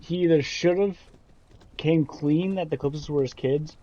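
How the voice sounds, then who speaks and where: Rambling frustrated gaming host. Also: male voice, a little high, moderate pace, warm tone, muffled recording. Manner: frustrated, rambling, frequent sighs. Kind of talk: casual game commentary.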